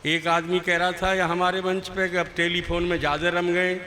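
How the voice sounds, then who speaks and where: At a live poetry event, an older poet delivers a comic recital, tossing rhetorical questions at the audience and chanting lines into the microphone. His voice is high and sharp, fairly flat in pitch, at a normal speed, with slight background noise.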